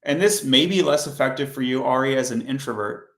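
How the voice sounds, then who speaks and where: Hosting a coding livestream, this man talks casually in a rambling way, often correcting himself, with a hoarse voice that fades out. He speaks briskly at a mid-range pitch with a fairly bright tone, in a reverberant space.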